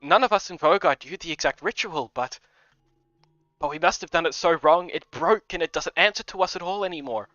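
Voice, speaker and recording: A man voicing an older head housemaiden woman with a slight Scottish accent, soft and pleading, reading a game aloud. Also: on the high side, fairly quick, dry recording, faint music behind. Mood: sorrowful. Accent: slight Scottish put-on. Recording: dull lo-fi recording.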